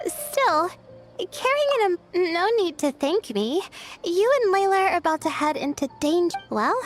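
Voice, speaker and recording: Layla, a halting high-voiced student. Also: female voice, expressive, faint music behind. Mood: hesitant. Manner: hesitant, halting. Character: sleepy young female scholar.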